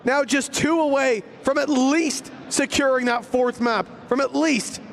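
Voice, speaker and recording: A man giving esports caster commentary in dramatic, punchy phrases with drawn-out emphasis on key words. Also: extremely high pitch, steady tone, creaky, fairly bright tone, a little hiss or hum.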